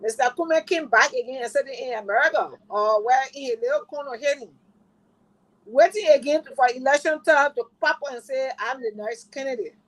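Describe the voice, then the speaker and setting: Liberian woman, higher-pitched political analyst, earnest, rhetorical questions. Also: a little fast, poor audio. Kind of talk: panel discussion.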